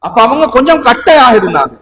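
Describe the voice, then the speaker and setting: In a reverberant mosque hall, a high-voiced, slightly bright Sri Lankan Tamil preacher speaks quickly with big swings in pitch. He tells stories within his sermon, dramatic and emphatic, repeating phrases and posing rhetorical questions.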